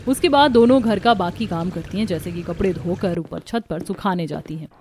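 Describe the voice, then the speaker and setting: A woman narrating a cartoon story in a plain, steady scripted style. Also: on the low side, normal speed, a little hiss or hum.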